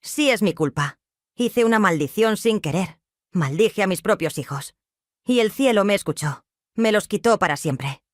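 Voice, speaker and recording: A woman's voice: medium pitch, animated, normal speed, dry recording, studio quality, close to an everyday voice. A woman reading the lines of a grief-stricken widowed mother, confessing in a trembling, sobbing voice. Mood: anguished.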